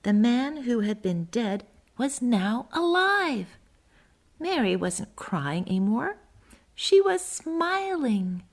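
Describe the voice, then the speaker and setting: A woman's voice: on the high side, takes it slowly, voice pushed up, exaggerated voice. A woman reading as a curious little garden mole. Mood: earnest wonder. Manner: expressive, sing-song storytelling. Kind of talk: children's storybook reading.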